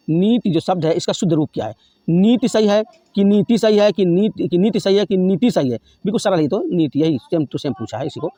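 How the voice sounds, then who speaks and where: Fast, high-voiced male Hindi teacher. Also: a little mellow, dry recording. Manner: repetitive, drills spellings and says "ठीक है" often; clears throat often. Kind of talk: exam-prep lesson.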